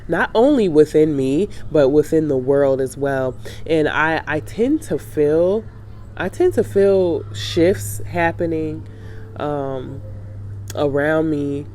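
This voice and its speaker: Getting over a sinus cold, a thirtysomething travel vlogger sounds nasal and congested as she talks casually and reflectively to camera, often filling pauses and restarting. Her deep, warm voice is animated yet slow-paced, and a little hiss or hum runs underneath.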